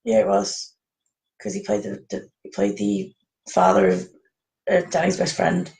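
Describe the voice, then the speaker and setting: A woman co-hosting a casual chat, rambling and chatty with frequent laughs and a gravelly voice. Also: medium pitch, a little slow, a little mellow. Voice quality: gravelly, creaky voice. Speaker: podcast co-host. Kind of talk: casual chat about fan conventions.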